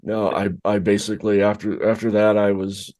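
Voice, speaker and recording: A man's voice: on the low side, level tone, normal speed, darkish tone. A middle-aged man co-hosting a podcast, telling a rambling, self-deprecating story in casual chat. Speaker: podcast co-host.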